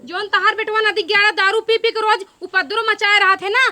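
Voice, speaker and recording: A woman playing an angry, sharp-tongued young wife in a comedy skit, scolding in an Awadhi accent. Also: extremely high pitch, fairly even intonation, brisk, no echo, full character voice. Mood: complaining, angry. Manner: scolding, combative. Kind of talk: rustic comedy skit acting.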